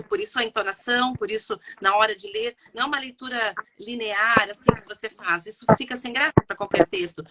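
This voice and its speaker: A woman's voice: on the high side, very noisy. A woman with a Brazilian Portuguese accent, a teacher explaining her classroom methods in a casual panel talk, with hesitant fillers.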